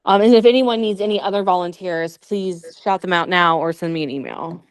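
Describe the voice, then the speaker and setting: A woman with a fairly low, clean voice gives an informal update at a board meeting. She sounds like a coordinator thinking aloud, a little tentative, and the sound is dry with little room echo. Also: brisk, clean tone.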